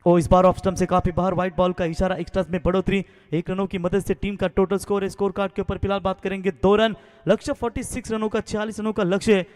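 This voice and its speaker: High-pitched, excited Maharashtrian cricket commentator, reverberant. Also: male voice, quick pace. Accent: Maharashtrian Indian. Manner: excited, raised calls on big shots. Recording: long hall-like PA reverb.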